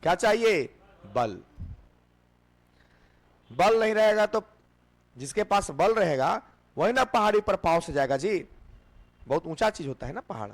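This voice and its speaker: Male coaching teacher, high, animated delivery, quizzes his class and answers himself. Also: a little slow, pauses often. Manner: asks questions and answers them himself. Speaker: exam-prep teacher. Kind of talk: classroom lecture with memory tricks.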